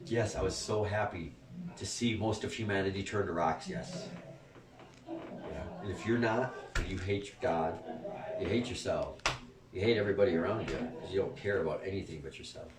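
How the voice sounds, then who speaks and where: A man leading a spiritual gathering, rambling and profane, laughing often and swinging between soft and loud. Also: sits low, normal speed, a crowd in the background. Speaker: spiritual group leader. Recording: echoey room, far from the mic.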